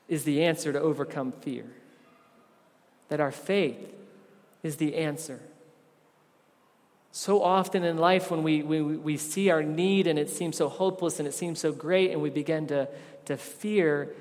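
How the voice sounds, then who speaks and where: Preaching man in a reverberant hall. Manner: swings from loud emphasis to soft, low asides. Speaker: pastor. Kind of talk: sermon. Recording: long reverb of a large room.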